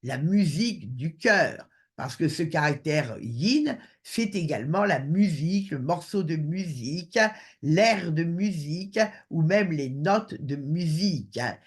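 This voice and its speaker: A man's voice: on the high side, lively intonation, takes it slowly. A man giving an online lecture over a video call, hesitant with many filler sounds.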